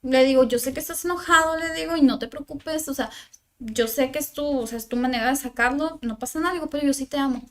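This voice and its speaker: High-voiced Mexican woman telling a story. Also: quick pace. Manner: recounts dialogue, filler-heavy with "o sea" and "le digo". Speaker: psychologist guest on a parenting podcast. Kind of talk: personal storytelling in conversation.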